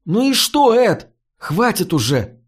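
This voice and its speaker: A man's voice: on the high side, expressive, measured pace, darkish tone, pitched above the performer's own voice. A man voicing an impatient, nervous teenage boy in an audiobook, his lines urgent and scolding. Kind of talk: audiobook character voice.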